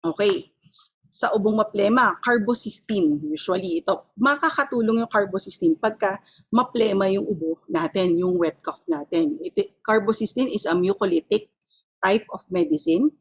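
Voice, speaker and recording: A woman's voice: mid-range voice, normal speed, slightly rough. A woman with a Filipino accent giving an explanatory health talk, mixing Filipino and English and often checking in with her listeners. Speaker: health educator.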